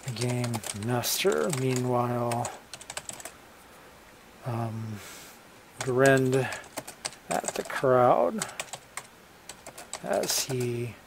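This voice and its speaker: A writer dictating a story draft while typing, halting often to revise the wording. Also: mid-range voice, expressive, gravelly, background noise. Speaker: novelist writing a draft live. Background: computer keyboard typing.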